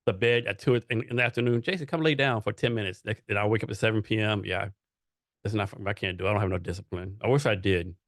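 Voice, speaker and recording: A man's voice: fairly low pitch, fast, dry recording, clean studio sound. A man hosting an interview podcast, asking loose, rambling questions full of "like" and "right?". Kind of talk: casual interview chat.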